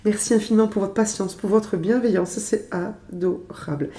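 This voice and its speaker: A woman, stuffy with a cold, reads tarot in a gentle, chatty way, full of small fillers. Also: medium pitch, fairly even intonation, normal speed, roomy sound, a little hiss or hum. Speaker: tarot reader. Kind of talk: casual tarot reading to camera.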